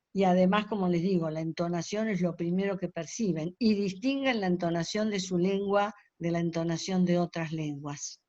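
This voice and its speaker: A woman's voice: fairly low pitch, moderate pace, a little mellow, dry recording. Older woman, lecturer on a webinar, hesitant and explanatory, dull dry call audio. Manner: explanatory, many hesitations and fillers. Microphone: video call.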